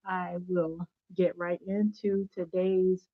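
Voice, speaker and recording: A woman's voice: on the low side, flat delivery, takes it slowly, dry recording, phone-quality sound. A woman hosting a casual faith-based livestream from home, chatty and upbeat, greeting viewers by name and thanking them. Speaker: channel host giving faith-based teaching.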